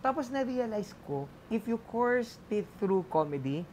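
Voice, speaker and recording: A man's voice: high voice, sing-song, unhurried, a little mellow, slight background noise. A man with a Filipino accent, a lawyer and comedian being interviewed, telling stories animatedly and laughing often. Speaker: lawyer and stand-up comedian guest. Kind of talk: casual interview storytelling.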